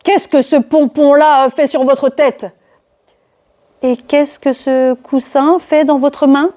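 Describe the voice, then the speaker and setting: A woman's voice: high voice, little pitch movement, slow, mellow. A woman voicing an ardent aristocratic count in a one-woman reading of a classic stage comedy, speaking gallantly and declaiming with passion. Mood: reproachful. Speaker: reader of a play.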